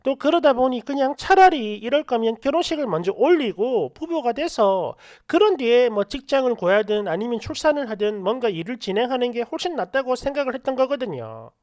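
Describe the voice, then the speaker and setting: A woman narrating a first-person story in an animated, aggrieved manner, speaking straight to the listener. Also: a little high, fairly quick, few pauses, no echo, studio quality.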